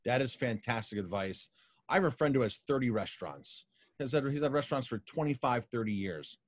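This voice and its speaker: American man, middle-aged, interview host, dry close sound, medium pitch, effusive, wordy. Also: animated, brisk, dry recording. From Colorado, United States. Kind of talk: casual conversational interview.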